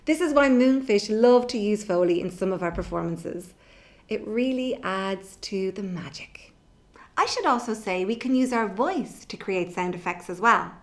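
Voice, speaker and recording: This children's instructional video features a middle-aged woman at a normal pace and medium pitch, leading warm-ups for a theatre workshop. Her explanations are simple and her guidance encouraging. She's in a bare room at home, where the sound is echoey.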